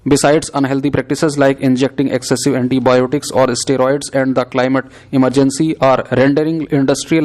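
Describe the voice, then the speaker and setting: A man reads scripted text as dictation for a shorthand exercise. His delivery is measured and steady, keeping to a flat, even line. The voice sits at an average male pitch. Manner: dictating, measured and steady, read aloud word by word.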